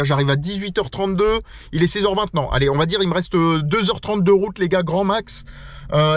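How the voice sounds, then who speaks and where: A man's voice: high voice, dry recording. A man from France talking casually to his camera while driving on a road trip, playful and chatty, with a stuffy nose. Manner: chatty, playful, keeps calling viewers "les loulous". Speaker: travel vlogger. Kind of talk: casual vlog talk to camera. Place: inside a car on a road trip. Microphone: action camera mounted in the car.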